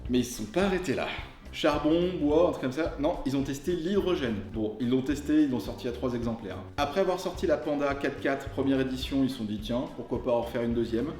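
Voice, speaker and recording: A man's voice: mid-range voice, fairly quick, darkish tone. A man presenting a car review in a casual, colloquial, tongue-in-cheek way. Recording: roomy echo with music underneath. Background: music.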